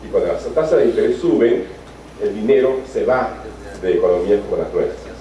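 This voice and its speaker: Captured distantly in an echoey lecture hall with dull sound, a man from Peru talks briskly in a warm, low-leaning voice. He's a guest lecturer at a university, keeping things conversational and frequently tossing in fillers and tag questions.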